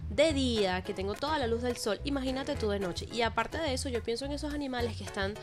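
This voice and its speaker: A Venezuelan woman who guides hikes talks earnestly and casually as a radio guest. Her voice is a little high. Clear music plays behind her. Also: fast talker. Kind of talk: casual interview.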